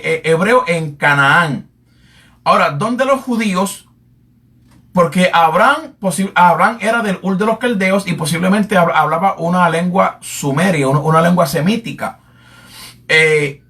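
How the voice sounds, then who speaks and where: A man preaching a Bible lesson in sermon style, repeating himself, filling pauses and calling his listeners beloved. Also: high-pitched, pushed and bright, recorded from a distance. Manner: repetitive, addresses listeners as "amado", many fillers.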